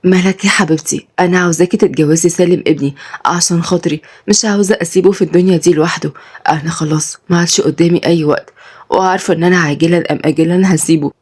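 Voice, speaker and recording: A woman's voice: on the low side, steady tone, rapid-fire, a little mellow, breathy edge. A woman voicing a frail older mother who pleads tearfully, in Egyptian Arabic. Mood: pleading.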